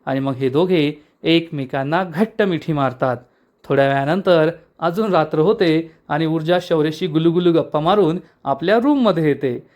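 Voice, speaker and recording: A man tells the story of a TV serial episode in a lively, dramatic way. His voice sits a little above the usual male pitch. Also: normal speed. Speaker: serial recap narrator.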